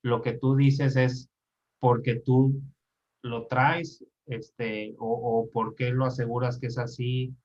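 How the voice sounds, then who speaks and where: A man's voice: mid-range voice, flat delivery, slow pace, a little mellow. A man asking hesitant, probing questions as interviewer. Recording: dull, distant mic.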